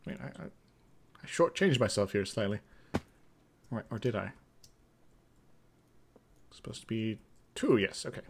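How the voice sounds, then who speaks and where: A man's voice: on the low side, expressive, measured pace, pauses often, slight background noise. A man chatting casually in a playful, joking way as he plays a game. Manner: playful, jokey. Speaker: co-host of a gaming video series. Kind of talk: casual chat while gaming.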